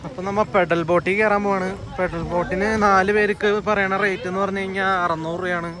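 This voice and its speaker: A man's voice: high-pitched, little pitch movement, fast, crowd noise. A man with a Malayali accent giving casual travel vlog commentary, dropping English words into his Malayalam. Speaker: travel vlogger.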